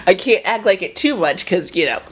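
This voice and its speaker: Young woman, lowish voice, rambling casual vlog chat from the kitchen. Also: fairly quick, very noisy. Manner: chatty, rambling, bursts into excited cheers. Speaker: home cook and mother.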